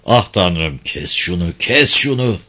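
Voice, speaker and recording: A man voicing a shaken young soldier who pleads in a hushed, whispering voice. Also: deep voice, expressive, slow, voice pushed down, exaggerated voice. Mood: desperate pleading.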